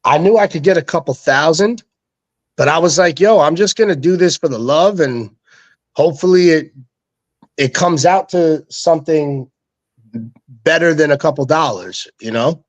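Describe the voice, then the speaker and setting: This young male guest, co-founder of an NFT project, talks at a normal pace in a fairly high voice, and the recording's highs are cut off. His casual storytelling is slangy and loose, full of quotes delivered in other people's voices.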